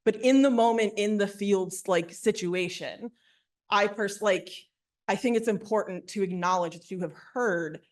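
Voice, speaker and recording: A woman on a discussion panel, answering candidly in a conversational way with frequent fillers. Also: mid-range voice. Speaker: panelist, field trip co-leader.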